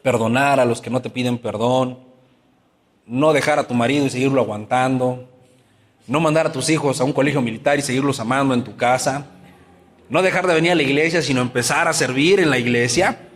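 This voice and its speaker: A man's voice: medium pitch, brisk, big-room sound. A man preaching a sermon as pastor, asking his congregation many questions and acting out everyday complaints.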